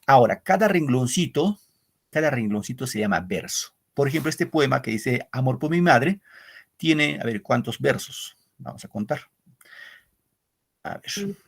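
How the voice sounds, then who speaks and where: Gravelly teacher man, repeats himself. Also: mid-range voice, animated, a little slow. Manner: explains with repetition and asks "¿no?" often; addresses pupils as "queridos muchachos". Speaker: literature teacher. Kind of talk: online class lecture.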